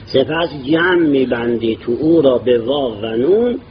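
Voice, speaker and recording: A man's voice: medium pitch, lively intonation. Man lecturing on grammar, lo-fi recording. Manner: reads Arabic phrases slowly then explains at length. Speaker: teacher of Arabic grammar. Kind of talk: lecture explaining Arabic grammar. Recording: dull lo-fi recording with clear background noise.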